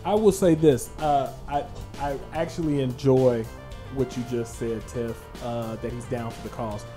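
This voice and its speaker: A man hosting a casual panel discussion in a measured, halting, pointed way. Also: medium pitch, steady tone, over music. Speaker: podcast host.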